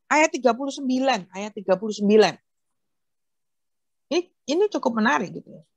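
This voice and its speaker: A young woman giving a casual online sermon to a youth group over a video call, telling the story in a lively way and acting out the dialogue. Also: a little high, brisk, no echo. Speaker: youth fellowship speaker.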